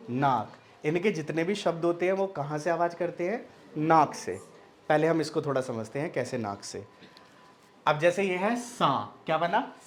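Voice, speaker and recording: A male teacher giving a spoken language lesson, asking questions and answering them himself, repeating words slowly and drawing out their nasal sounds, often checking whether it is clear. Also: fairly high pitch, slight background noise.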